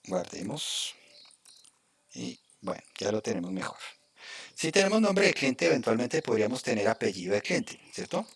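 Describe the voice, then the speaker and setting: A man teaching a live coding lesson. He explains each step slowly and often checks in with his students. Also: mid-range voice, sing-song, creaky, breathy edge. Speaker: programming instructor.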